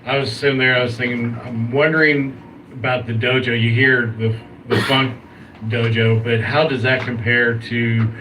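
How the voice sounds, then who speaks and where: A man's voice: medium pitch, level tone, normal speed, bright, forceful tone. A man co-hosting a casual wrestling podcast who thinks aloud, hesitating with fillers. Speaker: podcast co-host. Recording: distant mic with faint hiss.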